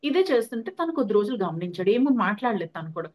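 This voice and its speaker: A young woman speaks with a Telugu accent and a mid-range voice. She tells a personal spiritual story in a lively storytelling manner. She acts out the dialogue as she goes. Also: medium pitch, racing. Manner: lively storytelling, acting out her own quoted speech. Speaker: guest speaker on angels and meditation.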